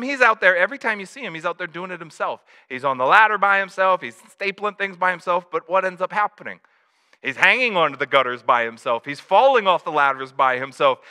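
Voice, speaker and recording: A man pastor preaching a conversational sermon, swinging from loud emphatic build-ups to soft low confessions, with repeats and stumbles. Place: church livestream.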